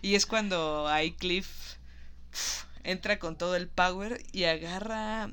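A woman's voice: lowish voice, a little slow, smooth. A woman chatting casually as she recaps a film, acting out the characters' lines with animation. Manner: animated, acts out quoted lines.

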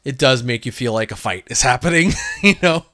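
A man casually talking through a movie review with a co-host, rambling and animated, with lots of filler words. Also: mid-range voice, fairly quick. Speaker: podcast co-host.

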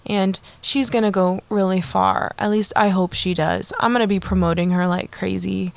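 A gravelly, mid-range female voice with a steady tone and normal speed, captured in a dry recording. The young woman is hosting a casual solo podcast, bubbly and talkative, with frequent "like"s and asides to her listeners.

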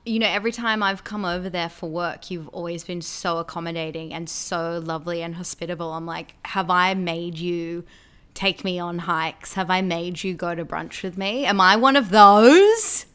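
A woman with a fairly low voice for a woman hosts a relaxed chat. She mostly reacts with short replies and playful jokes. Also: normal speed, smooth. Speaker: podcast host. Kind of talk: casual chat.

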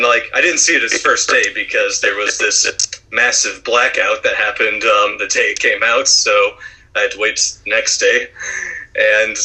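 A man's voice: medium pitch, bright, forceful tone, slightly rough, rough recording. A man co-hosting a casual podcast chat, talking in a rambling, hesitant way. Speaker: podcast co-host.

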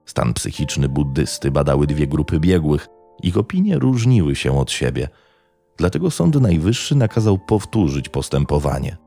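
A man tells a true-crime story in a grave, measured narration. His voice is extremely deep and gravelly, dark in tone, yet moves a lot in pitch. Faint music plays beneath him. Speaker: podcast narrator.

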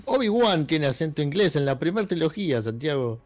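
A young man with an Argentine accent in a casual debate, teasing and contrarian with drawn-out emphasis. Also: on the high side, very animated, dry recording. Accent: Argentine Spanish. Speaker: panelist.

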